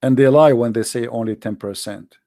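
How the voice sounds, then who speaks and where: A man whose first language is Arabic preaches fairly quickly in a blunt, forceful livestream monologue, speaking directly to his audience as a daily broadcast host. His mid-range voice is gravelly and dark. It's recorded dry and close, with no room echo.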